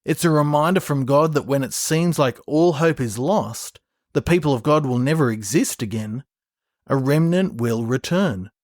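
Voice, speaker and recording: A man's voice: mid-range voice, normal speed, a little mellow, dry recording, clean studio sound. A man, a podcast host, teaching from the Bible in an earnest, explanatory scripted narration, reading passages aloud.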